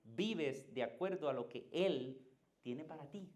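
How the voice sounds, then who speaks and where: A man's voice: fairly high pitch, lively intonation, measured pace, darkish tone. A male pastor with a Puerto Rican Spanish accent, giving a conversational sermon that builds to emphatic climaxes and asks the congregation questions. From Puerto Rico.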